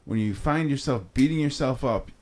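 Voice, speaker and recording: A man's voice: mid-range voice, normal speed, darkish tone. A man co-hosting a discussion podcast, explaining ideas in a coaching way. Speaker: podcast co-host. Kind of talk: casual discussion.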